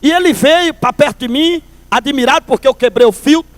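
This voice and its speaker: High-voiced Pernambuco pastor telling his testimony. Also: fairly quick, no echo. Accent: Pernambuco Brazilian Portuguese. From Pernambuco, Brazil. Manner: lively storytelling, addresses listeners as brother. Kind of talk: preached testimony.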